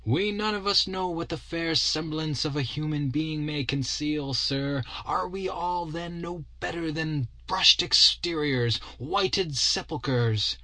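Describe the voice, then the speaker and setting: Brief: suave insinuating shop owner voiced by a man, raised pitch, dry close sound. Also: slow pace, few pauses, bright, forceful tone, no echo. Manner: smooth, insinuating, polite. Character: suave sly male magic shopkeeper.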